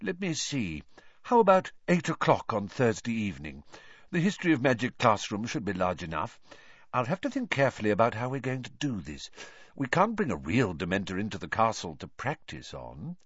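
A man voicing a mild, measured male teacher, recorded a little dull and dry. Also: lowish voice, sing-song, slightly rough, no room sound. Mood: calm.

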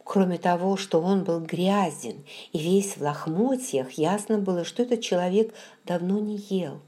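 A woman narrating an audiobook in the first person, with calm, measured storytelling. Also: fairly low pitch.

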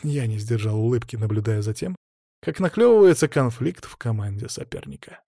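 Dry, even male audiobook narrator. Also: mid-range voice, fairly quick, gravelly, dry recording. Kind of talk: first-person scripted narration.

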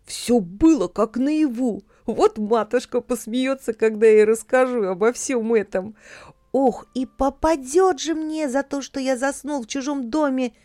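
Woman as a young boy, gentle, bewildered, pleading, anxious, slightly higher voice, storybook. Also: a little slow, no room sound, clean studio sound. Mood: dreamy musing.

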